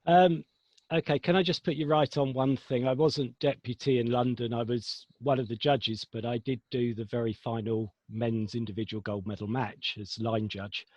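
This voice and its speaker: A man from the United Kingdom, a guest on a video call, speaking in a measured way with fillers. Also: medium pitch, fairly even intonation, darkish tone, no room sound. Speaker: guest, international judge. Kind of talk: casual chat. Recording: dull video call audio.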